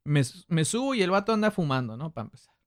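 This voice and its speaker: A man's voice: a little high, quick pace, no echo, clean studio sound. A man with a northern Mexican accent chatting casually as a podcast host, telling anecdotes in street slang and acting out what people said. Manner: animated retelling with acted-out quotes and street slang.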